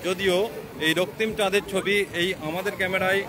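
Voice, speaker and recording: A man reports live to online viewers. He explains in short phrases, repeating himself with pauses to think. He is outdoors on a phone, with clear wind and sea noise on the mic. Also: high voice, level tone. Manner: repetitive explanatory delivery with hesitant pauses. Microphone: mobile phone. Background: roaring waves and wind.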